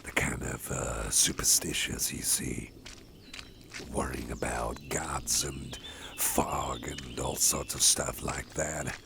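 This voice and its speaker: Whispering slowly and close to the mic, a man plays a soft-hearted, protective boss in a gentle, heavily acted ASMR personal-attention roleplay. His extremely low voice has a gravelly fry and a steady tone, while farm ambience and animal noises come through clearly in the background.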